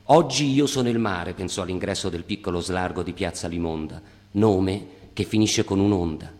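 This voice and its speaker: A man giving a steady, deliberate dramatic reading of literary prose. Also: deep voice. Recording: long hall reverb.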